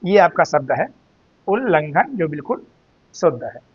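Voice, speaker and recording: Male Hindi teacher, high voice, unhurried drilling delivery, dull lo-fi sound. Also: big pitch swings, husky. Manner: slow, drawn-out repetition of words, addresses students as "beta". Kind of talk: spelling and grammar lesson.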